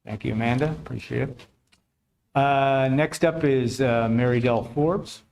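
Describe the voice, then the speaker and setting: Slow, halting man chairing a meeting. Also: mid-range voice, gravelly, a little mellow. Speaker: meeting chair calling speakers. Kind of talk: procedural announcing.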